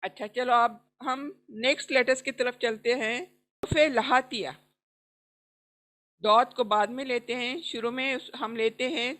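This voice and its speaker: A woman's voice: fairly high pitch, a bit bright. A woman teaching Quran recitation in an online class, patiently repeating each sound for students to copy.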